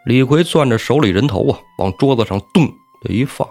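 A man hosting a storytelling show, narrating in a lively, colloquial way with asides to the listener. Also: medium pitch, brisk, faint music behind. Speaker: storyteller host.

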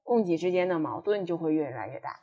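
A woman's voice: low voice, lively intonation, fast talker, mellow, breathy edge, muffled recording. A woman with a transport background, explaining her ideas in a casual panel chat, thinking aloud with many fillers and restarts. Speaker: podcast guest, transport specialist.

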